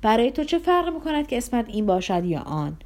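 A woman reading the lines of a mocking young man, speaking scornfully and with rising excitement. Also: on the high side. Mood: indignant. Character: mocking young male nephew, sharp-tongued.

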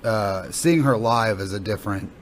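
A man's voice: on the low side, moderate pace, slight background noise. A male comedian being interviewed in a casual podcast chat, thinking aloud in rambling, sweary sentences. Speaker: stand-up comedian guest.

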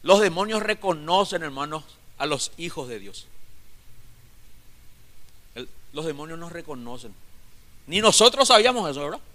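A male pastor delivers a fervent sermon, calling out to his brothers and sisters with question after question. His voice is bright and forceful and sits a little high. It rings with the long reverb of a large church hall. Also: big pitch swings, normal speed, pauses often. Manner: preaching fervently, addressing listeners as brothers with rhetorical questions.

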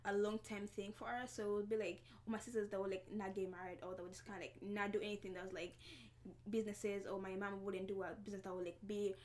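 A woman's voice: medium pitch, little pitch movement, fast, a little mellow. Young woman, giggly and chatty. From Congo. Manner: laughing often, heavy use of "like". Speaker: podcast guest, fashion designer. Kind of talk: casual interview chat.

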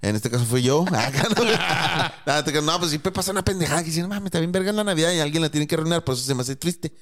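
A man's voice: fairly high pitch, lively intonation, fast, fairly bright tone. A man with a Mexican accent hosting a casual podcast chat, full of crude slang and laughter. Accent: Mexican Spanish. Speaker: podcast host.

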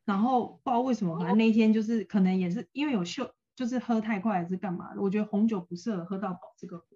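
A Taiwanese-accented woman co-hosts a casual podcast, spinning a long story and acting out what each person said. Her mid-pitched voice comes through slightly dull, lo-fi audio. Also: fast. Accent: Taiwanese Mandarin. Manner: long animated anecdotes, acts out quoted lines. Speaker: podcast co-host.

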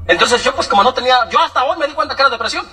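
A man from Michoacán telling a personal testimony, animated, laughing often and acting out other people's voices. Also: very high voice, very fast, distant mic, poor audio. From Michoacán, Mexico. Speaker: testimony speaker.

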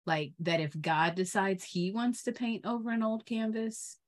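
A woman's voice: mid-range voice, measured pace. A middle-aged woman co-hosting a casual chat, reflective, laughing often and sometimes losing her thread. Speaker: podcast co-host.

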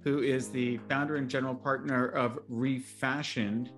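A man hosting a podcast interview, talking quickly through technical jargon. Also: medium pitch, level tone, over music. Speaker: podcast host.

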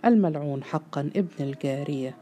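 امرأة تؤدي دور ابن شاب غاضب متمرد يصيح بسخرية واحتقار في قصة مسموعة. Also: female voice, low-pitched, a little fast, slight background noise, lightly acted. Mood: furious. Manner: shouting, scornful. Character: furious, defiant grown son.

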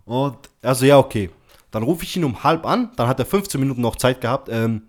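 A man's voice: medium pitch, animated, quick pace. A man hosting a casual chat. He talks in loose slang, leans on "so" and "bro" in nearly every phrase, and acts out the other people's lines when he tells a story. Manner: tells stories acting out quoted dialogue. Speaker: podcast host.

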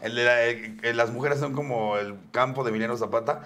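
A man's voice: medium pitch, steady tone, fairly quick, a bit bright. A man with a Mexican accent co-hosting a podcast, joking crudely and laughing often. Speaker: podcast co-host. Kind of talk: casual crude banter.

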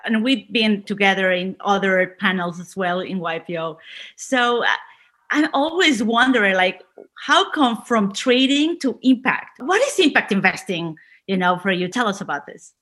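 A woman's voice: mid-range voice, expressive, unhurried, pushed and bright. A woman hosting a podcast interview, introducing her guest with enthusiasm and asking questions. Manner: enthusiastic, scripted-sounding introductions. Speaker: podcast host.

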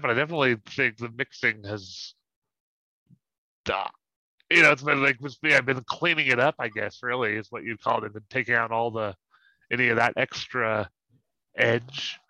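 A man's voice: mid-range voice, normal speed, sharp tone, no echo. A man co-hosting a podcast in casual chat, laid-back and full of fillers like "like" and "you know". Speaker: podcast co-host. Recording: dull, dry lo-fi mic.

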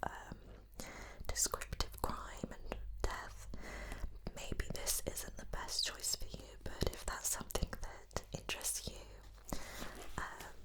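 Woman's soft library whisper, role-play as librarian. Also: slow, rough recording. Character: gentle, helpful female librarian. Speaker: librarian recommending books to a visitor.

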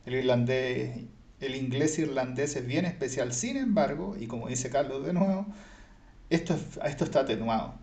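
A man's voice: mid-range voice, moderate pace, a little mellow, reverberant. A man, co-hosting a casual film review chat, speaking thoughtfully with frequent hesitations. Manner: thoughtful, hesitant with many fillers. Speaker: podcast co-host.

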